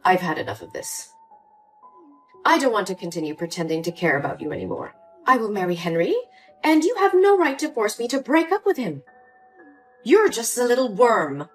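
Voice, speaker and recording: A woman's voice: medium pitch, wildly swooping pitch, moderate pace. A woman voicing a cold, condescending older mother in a story drama, with faint music behind. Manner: cool, condescending.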